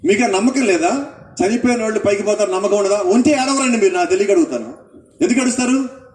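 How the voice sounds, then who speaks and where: A man's voice: sits high, lively intonation, fast talker, darkish tone, roomy sound, recorded from a distance, slight background noise. A male pastor preaching a sermon, asking the congregation questions and acting out what people say.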